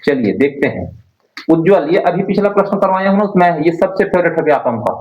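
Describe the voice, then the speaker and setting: A man's voice: on the high side, big pitch swings, brisk. A male teacher leading an online Hindi spelling class, repeating words and quizzing his students. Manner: drills words by repeating them, asks students questions. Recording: roomy, dull lo-fi sound.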